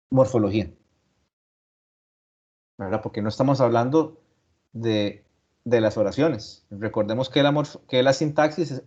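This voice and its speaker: A male teacher lecturing in an online class at a middle pitch. He works through points step by step, asks rhetorical questions and repeats key terms. The audio sounds dull and lo-fi. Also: darkish tone.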